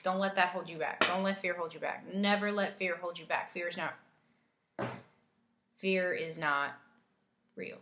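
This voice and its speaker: A woman's voice: lowish voice, fairly even intonation, unhurried, long pauses, fairly bright tone, roomy sound. A woman giving a casual spiritual tarot reading, chatty and coaching, laughing easily as she talks. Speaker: tarot reader.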